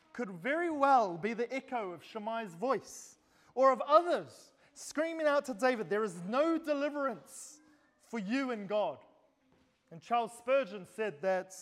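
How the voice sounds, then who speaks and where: A man's voice: extremely high pitch, a bit bright. A man preaching a sermon in English whose first language is Norwegian, earnestly asking the congregation direct questions. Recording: long reverb in a large hall.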